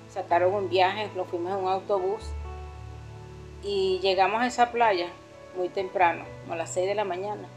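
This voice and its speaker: A middle-aged woman with a Venezuelan accent giving an earnest, heartfelt personal testimony in church. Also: medium pitch. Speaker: pastor's mother-in-law giving a testimony.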